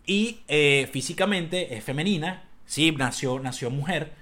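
Brief: Venezuelan man, podcast co-host, rambling and slangy, a touch high-pitched. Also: pushed and bright. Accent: Venezuelan Spanish. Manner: rambling, slangy, reads aloud haltingly. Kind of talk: casual chat.

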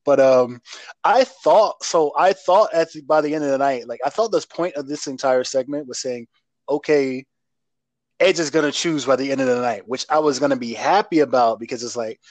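A man co-hosting a podcast, talking in a relaxed, rambling way. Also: medium pitch, moderate pace, dry recording. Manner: relaxed, rambling, lots of fillers like "um" and "like". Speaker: podcast co-host. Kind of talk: casual wrestling chat.

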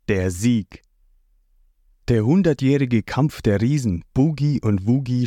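A man narrating a recap of a comic story in a slow, lively way. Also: on the low side, no echo, clean studio sound.

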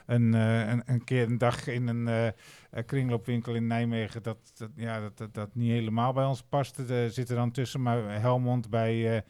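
Halting man with a mid-pitched voice. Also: little pitch movement, a little mellow, clean tone. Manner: halting, searching for words. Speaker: radio show co-host looking back. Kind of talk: casual reminiscing chat.

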